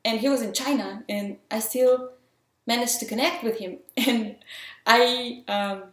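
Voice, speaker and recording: An independent filmmaker from Mexico, her accent Mexican with a touch of French, shares filmmaking tips in an earnest, chatty, enthusiastic way. Her voice is a little high and a bit bright, with fairly even intonation and an unhurried pace. The room gives it a noticeable echo.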